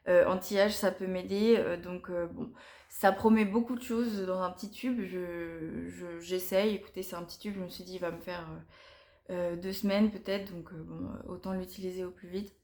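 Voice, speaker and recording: Young woman doing a beauty vlog at home, chatty, kinda hesitant, lots of pauses. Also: fairly low pitch, steady tone, darkish tone. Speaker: beauty vlogger. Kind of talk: casual product review to camera.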